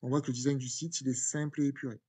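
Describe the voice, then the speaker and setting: A man's voice: medium pitch, level tone, rapid-fire, warm tone, breathy edge. A man teaching, walking students through an exam correction in a conversational way, with fillers and restarts. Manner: conversational, repeats words, many fillers and restarts.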